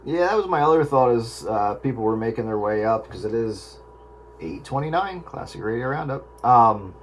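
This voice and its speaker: A man with a medium-pitched, animated voice chats casually at a moderate pace over a two-way radio. He's an amateur radio operator on an on-air roundup, and the transmission is noisy with static.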